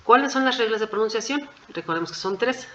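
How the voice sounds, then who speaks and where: A woman's voice: fairly high pitch, expressive, quick pace, sharp tone. A woman walks through exam answers one by one, with the patient, methodical manner of a teacher who keeps checking that her students follow. The recording is a little dull and muffled, with a faint hum underneath. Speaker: Japanese language teacher.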